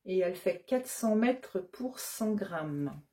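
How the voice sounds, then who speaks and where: A woman presenting her shop's new yarn colors in a relaxed show-and-tell. She talks slowly and hesitantly, listing shade after shade with plenty of fillers, in a dark, mellow voice at a middle pitch. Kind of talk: casual product show-and-tell.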